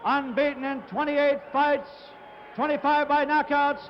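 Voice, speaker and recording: A man announcing the fighters in formal, drawn-out calls, heard through arena loudspeakers. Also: very high-pitched, level tone. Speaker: ring announcer. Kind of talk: formal ring introductions. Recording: muffled old broadcast, faint noise.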